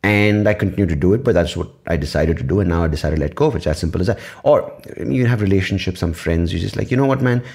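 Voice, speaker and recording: A man's voice: low-pitched, rapid-fire, creaky, few pauses, darkish tone, breathy edge. A man rambling through a casual solo podcast, swearing often and poking fun at himself. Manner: rambling, profane, self-mocking, many restarts. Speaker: podcast host.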